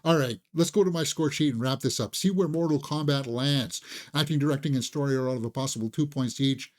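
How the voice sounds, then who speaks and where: Here a man's medium-pitched, a little mellow voice moves a little fast as he hosts a casual, conversational film review. He is enthusiastic and opinionated and sometimes repeats words as he thinks aloud.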